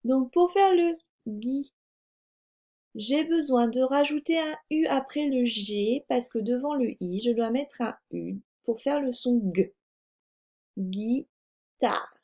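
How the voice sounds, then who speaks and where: A woman's voice: high voice, lively intonation, takes it slowly, dark tone. A woman teaching a reading lesson to young children, speaking patiently, repeating words and spelling them out letter by letter for dictation. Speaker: first-grade teacher.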